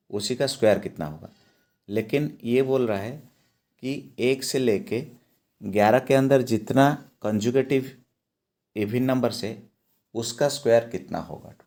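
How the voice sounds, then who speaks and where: During a math lesson, a man with a medium, slightly mellow voice works through each step slowly. He repeats steps and checks in with his students by saying "है ना".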